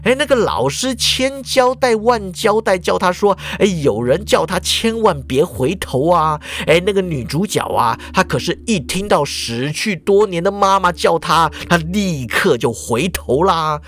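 A man putting on a shrill old principal. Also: lively intonation, a bit bright, full character voice. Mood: ranting. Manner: scolding, exclaiming, drawn-out. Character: excitable old male school principal.

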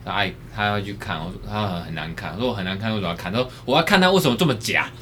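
Bright-voiced joking Taiwanese host man. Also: on the low side, expressive, rapid-fire, slight background noise. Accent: Taiwanese Mandarin. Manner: joking, bantering, casual swearing. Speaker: podcast host. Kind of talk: casual podcast chat.

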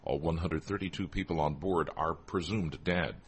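A man anchors radio news in a low-pitched, slightly rough voice. He reads scripted headlines and hands over to colleagues in a professional broadcast style. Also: moderate pace.

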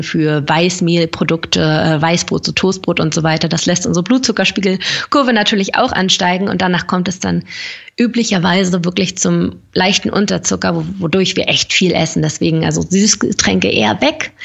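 A woman's voice: mid-range voice, vocal fry, slightly rough, lo-fi sound. A woman speaking as a podcast guest, explaining things informally and addressing the listeners directly. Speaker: podcast guest giving nutrition advice. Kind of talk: casual explanatory talk.

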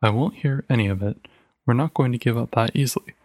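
A man's voice: medium pitch, a little fast, darkish tone, close to an everyday voice. A man voicing a stern, determined mother, reading her lines firmly and insistently in a storybook reading. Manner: firm, clipped and insistent.

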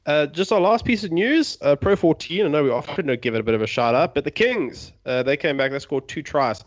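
A man's voice: fairly high pitch, lively intonation, fairly quick, lo-fi sound. A man hosting a rugby podcast, reading match results in a laid-back way with joking asides. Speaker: podcast host. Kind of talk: casual chat.

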